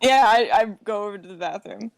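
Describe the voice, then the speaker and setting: A woman's voice: mid-range voice, brisk, creaky, no room sound. A woman playing a tabletop game, describing her character's actions in a rambling, hesitant way. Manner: rambling and hesitant, many fillers. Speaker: player.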